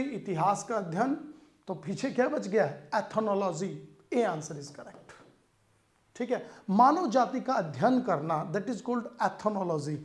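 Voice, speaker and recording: A man with an Indian accent teaching English vocabulary for competitive exams. He explains word meanings in Hindi mixed with English and keeps checking in with "theek hai". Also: high-pitched. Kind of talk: exam-prep vocabulary lesson.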